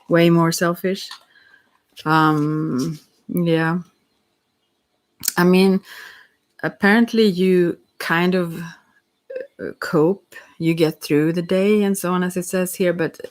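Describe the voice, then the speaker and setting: A soft-spoken ASMR tarot reader who talks gently and directly to the listener, meandering through pauses and restarts. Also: medium pitch.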